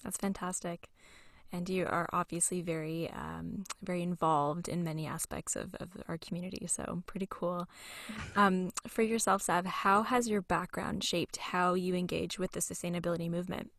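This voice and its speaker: A young woman co-hosting a community podcast and interviewing her guest. Her voice sits slightly low. She speaks casually and haltingly, with frequent ums, but keeps an upbeat tone. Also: fairly even intonation, a bit bright. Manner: hesitant, lots of ums, upbeat. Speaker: podcast co-host.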